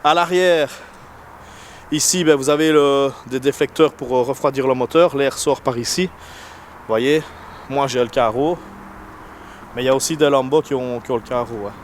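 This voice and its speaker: The host of a casual car vlog talks in a medium-pitched voice at normal speed, leaving long pauses. He has a non-standard French accent and a chatty, halting style with many fillers and false starts. It's filmed in a car and then outside by parked cars, so vehicle and street noise run through the audio.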